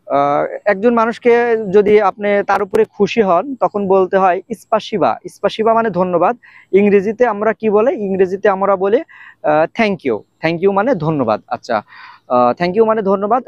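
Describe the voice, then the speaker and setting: A man teaching a casual video language lesson, explaining slowly and repeating words with many fillers. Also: high-pitched, dry recording, highs cut off. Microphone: camera facing speaker.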